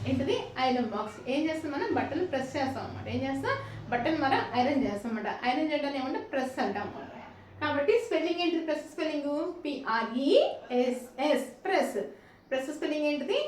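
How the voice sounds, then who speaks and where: Fast, high-voiced woman teaching phonics. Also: recorded from a distance. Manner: asks questions and answers them herself, repeating each spelling letter by letter. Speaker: play school teacher. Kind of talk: phonics lesson for young children. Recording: echoey room, voice from off the mic, faint room noise.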